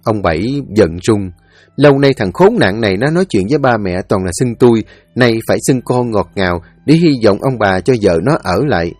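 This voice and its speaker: Expressive male storyteller. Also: lowish voice, moderate pace, no echo. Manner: expressive, dramatic. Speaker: narrator. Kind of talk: storytelling narration. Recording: dry studio voice over faint music.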